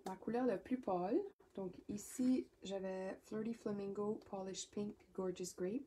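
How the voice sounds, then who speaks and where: A woman with a Québécois French accent talks through a card-making tutorial at an unhurried pace, thinking aloud as she works. Her delivery is chatty, sometimes falling to a soft murmur. Steady clicks and handling noise from the craft table sit clearly under her voice. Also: medium pitch.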